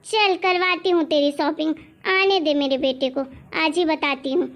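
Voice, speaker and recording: A woman's voice: high-pitched, fairly even intonation, normal speed, fairly bright tone, voice pushed down. A woman playing a proud, bossy mother-in-law who scolds indignantly, in a family drama. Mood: scolding.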